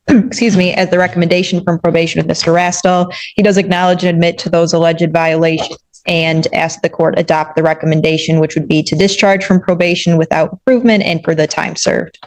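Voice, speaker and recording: A woman, an assistant public defender, addressing the judge in measured, procedural legal phrasing in a courtroom recording. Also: lowish voice, poor audio.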